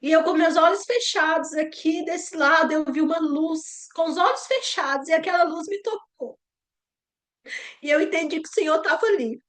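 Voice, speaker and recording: A Brazilian woman in her thirties telling an emotional personal testimony in church, earnest and climbing higher at her peaks. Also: moderate pace, a bit bright. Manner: earnest, rising to high pitch at emotional peaks. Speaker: church member giving testimony.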